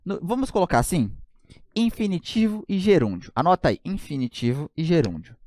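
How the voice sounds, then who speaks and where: A man's voice: on the high side, sing-song, a little fast, a little mellow, no room sound, studio quality. A man with a Brazilian Portuguese accent teaching an online grammar lesson, joking and often checking in with his students.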